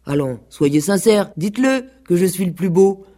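A woman's voice: fairly low pitch, expressive, normal speed, mellow, voice pushed up. A woman voicing a naive, self-satisfied fat pig in a radio play. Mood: smug, naive. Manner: guileless and smug.

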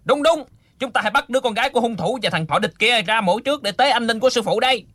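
A woman's voice: on the high side, lively intonation, fast talker, a bit bright, no echo. A woman voicing a group of angry male martial disciples swearing revenge. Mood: vengeful. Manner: heated, vengeful.

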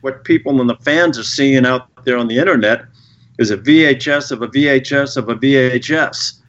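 A man telling stories as a guest in a podcast interview, animated and quick to swear. His voice sits at an ordinary pitch. The recording sounds dull and lo-fi. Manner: animated storytelling, swears freely. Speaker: film director guest.

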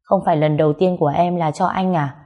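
A woman voicing a gentle young man, the narrator's boss and lover, speaking softly in an audio story. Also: low voice, steady tone, fast, highs cut off. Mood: tender.

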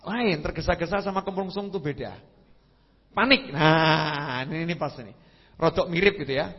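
Lively preacher with a husky voice. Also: male voice, normal speed. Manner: animated storytelling with sudden pitch leaps and sound effects. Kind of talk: religious lecture. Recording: lo-fi hall recording with long reverb.

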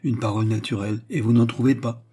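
A man's voice: mid-range voice, steady tone, quick pace, warm tone, natural voice. A man voicing a proud, wounded queen in an audiobook reading of a novel, speaking with bitter reproach. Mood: melancholy, bitter.

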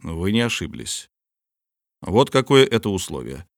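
A man's voice: sits low, sing-song, dry recording, clean studio sound, exaggerated voice. A man voicing a stern, proud submarine captain who speaks coldly and with authority. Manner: cold, measured and authoritative. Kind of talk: audiobook character reading.

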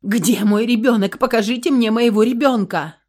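A woman's voice: a little high, normal speed, a little mellow, pitched above the performer's own voice, lightly acted. A woman voicing a desperate young new mother. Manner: desperate, raised, anguished.

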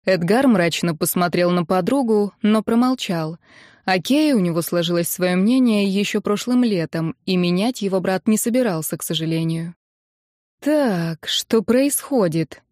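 A woman narrates a first-person novel in a steady storytelling voice. The recording is close and dry, with no room sound. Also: lowish voice, moderate pace, no room sound. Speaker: audiobook narrator.

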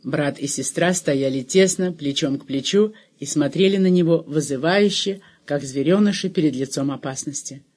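A high-pitched man reads a novel aloud. His narration is steady and measured, with a careful literary tone. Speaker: audiobook narrator. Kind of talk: scripted narration.

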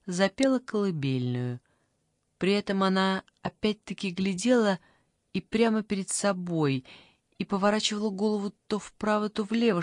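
An audiobook narrator reading a literary story in a measured, even storytelling manner. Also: medium pitch, no echo.

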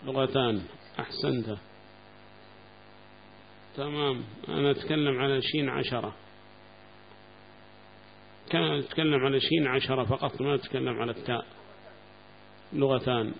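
A man teaching a lesson on a classical legal text, explaining patiently, repeating key terms and quizzing his students. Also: medium pitch. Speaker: teacher of Quranic law. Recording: gravelly lo-fi recording with faint hum.

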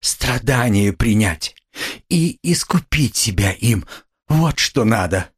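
A man voicing a devout young woman who pleads with high, trembling urgency in an audiobook. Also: expressive, takes it slowly, husky, heavily acted. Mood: fervent pleading. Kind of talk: audiobook character reading.

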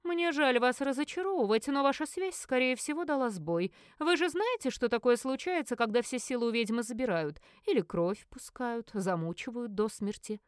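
A woman's voice: on the high side, lively intonation, moderate pace, few pauses, smooth, no echo, close to an everyday voice. A woman reading the part of a cold, pressing male investigator in an audiobook, in a dry room. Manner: cold, interrogating.

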